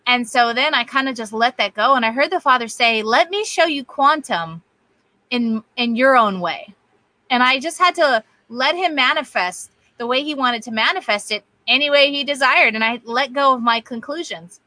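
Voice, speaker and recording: Bright, high-voiced animated woman. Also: brisk, hardly any pauses, no echo. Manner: animated, quotes voices, laughs easily. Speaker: guest sharing testimony. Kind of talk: casual storytelling chat.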